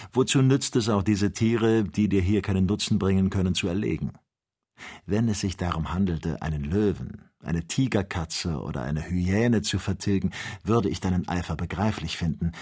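A man reading the part of a calm, careful male doctor who leads an expedition, speaking in a measured, instructive way. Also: low voice, breathy edge. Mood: earnest.

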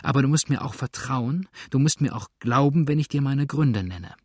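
A man's voice: medium pitch, expressive, moderate pace, darkish tone, slightly rough, no echo, studio quality, pitched above the performer's own voice. A man voicing a persuasive, commanding sea captain in an audiobook.

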